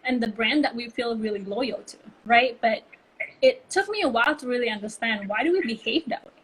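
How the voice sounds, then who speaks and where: Animated and brisk, with a husky, slightly high voice, a brand consultancy co-founder from Bali, Indonesia, tells stories as a casual interview guest over video call. She leans heavily on "like" and "um." The audio is poor.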